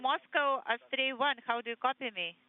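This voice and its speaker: A man's voice: very high-pitched, normal speed, clean tone. A man relaying clipped procedural calls over a crackly space-to-ground radio link. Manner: clipped procedural call-and-response. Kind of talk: mission control radio exchange. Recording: narrow tinny radio line.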